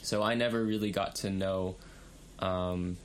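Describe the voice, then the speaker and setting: A man's voice: sits low, steady tone, a little slow, slight background noise. A young man from Canada, talking in a hesitant way with many fillers during a casual discussion. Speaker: podcast co-host.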